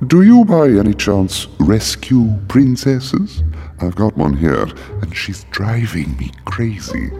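Gravelly, weary, deadpan dragon. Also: male voice, on the low side, slow pace, full character voice. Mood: weary, dry. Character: weary, exasperated male dragon with a dry temper. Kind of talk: audio drama acting. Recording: long cavernous reverb, music underneath.

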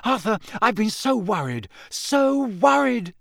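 A man reading an audiobook, voicing a middle-aged mother who is high-pitched, tearful and frantic with worry. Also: big pitch swings, slow pace, gravelly, dry recording, clean studio sound, heavily acted.

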